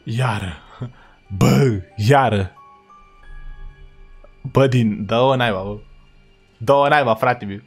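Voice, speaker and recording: A young man hosting a reaction video, talking casually in slang and yelling in panic at jump scares. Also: mid-range voice, pauses often, faint music behind.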